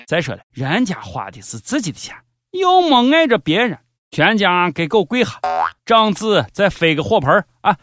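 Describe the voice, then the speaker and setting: Animated, sardonic man with a Shaanxi accent. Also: sits high, normal speed, no room sound, studio quality. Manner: sardonic, mock-serious. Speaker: host of a satirical news commentary show. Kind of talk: comedic scripted news commentary. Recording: background music under the voice. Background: music.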